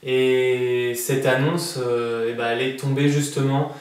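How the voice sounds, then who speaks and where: A French author in his thirties, a prize winner, answers interview questions in a relaxed, hesitant manner full of fillers and restarts. His mid-range voice is unhurried and sounds far from the mic in an echoey room.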